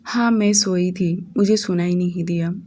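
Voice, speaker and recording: A woman's voice: lowish voice, fairly even intonation, a little slow, dark tone. A woman voicing a young wife who answers her husband bitterly on a call, in a storybook romance. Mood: calm. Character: young wife, hurt and angry.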